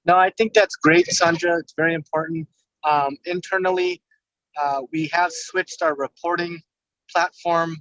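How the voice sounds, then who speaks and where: A man phones into a community meeting on a hands-free car speakerphone as he drives. His voice sits a bit high for a man and sounds dry and close. He speaks as a police commander, careful and courteous, choosing his words so he does not misspeak. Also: steady tone, measured pace, fairly bright tone, dry recording, low-quality recording. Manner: careful and polite, hedges to avoid misspeaking. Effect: car speakerphone call. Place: inside a moving car.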